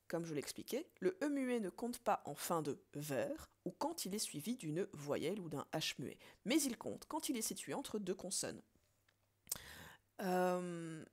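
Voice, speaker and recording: A woman teacher giving a recorded lesson, explaining step by step and slowing down to count syllables aloud. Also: lowish voice, a little mellow. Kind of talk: recorded French lesson on poetry.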